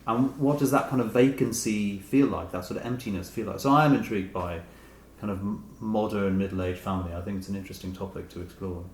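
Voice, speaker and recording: A middle-aged author being interviewed speaks reflectively and tentatively, rephrasing his thoughts. His voice is lowish and steady, at a quick pace. The recording has a roomy echo with clear background noise.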